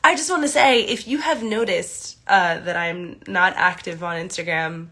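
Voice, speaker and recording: Through a congested, stuffy nose, a young astrology livestreamer chats at normal speed, her voice low-ish but bright and forward. She holds her phone camera at arm's length in a small room, greets viewers cheerfully, and leans heavily on "like" and "um."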